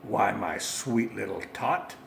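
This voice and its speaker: A man's voice: on the low side, animated, takes it slowly, creaky, a bit bright, roomy sound, a little hiss or hum, pitched below the performer's own voice, full character voice. A man voicing a sly, gleefully mean storybook creature, slick and gloating, recited from memory. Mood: falsely sweet. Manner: slick, mock-sweet, gloating. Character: sly, gleefully mean grumpy male holiday-stealing creature.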